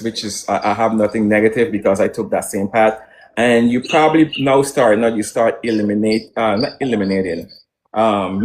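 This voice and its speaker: A man's voice: fairly low pitch, a little mellow, a little hiss or hum. A man from Guyana, a musician guest answering questions in a casual online interview, full of restarts and hesitant fillers. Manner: rambling, hesitant with many restarts.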